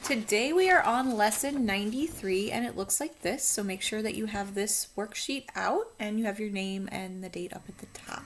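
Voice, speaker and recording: A woman's voice: medium pitch, moderate pace, few pauses. A woman teacher recording a phonics lesson for young children, drawing out letter sounds in a sing-song teacher voice.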